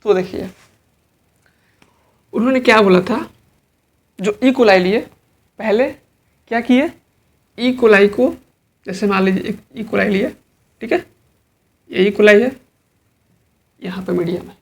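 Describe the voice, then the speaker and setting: A woman teaching an exam-prep biology lecture. She keeps tossing questions at her students and answers them herself. Each key answer gets repeated, in a steady, drilling rhythm. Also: mid-range voice, a little slow, long pauses, breathy edge.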